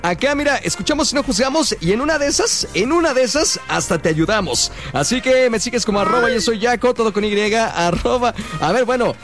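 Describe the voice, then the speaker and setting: A man's voice: very high-pitched, expressive, brisk, fairly bright tone. A Mexican man hosting a live radio show with playful, slangy, exuberant ringmaster-like announcements over music. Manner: ringmaster-like showman greetings and announcements. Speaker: radio call-in show host. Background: music bed.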